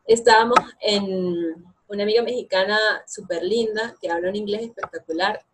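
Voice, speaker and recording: A young woman, co-founder of an English course, chats casually as an interview guest about learning English. She's animated and uses lots of fillers, speaking at a moderate pace in a mid-range voice over a noisy background.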